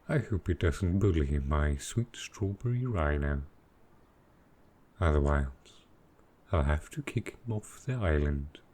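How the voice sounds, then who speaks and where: A man with a rumbling low, full character voice plays a gentle, earnest dragon boyfriend in an intimate roleplay audio, musing softly and naively. His mood is protective and mock-menacing.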